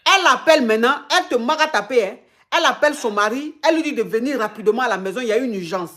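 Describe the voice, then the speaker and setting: A woman with a high voice and an Ivorian French accent hosts a live call-in advice show. She retells the caller's story back to her in a casual, repetitive way, often restating the same phrase. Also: animated, rapid-fire, fairly bright tone.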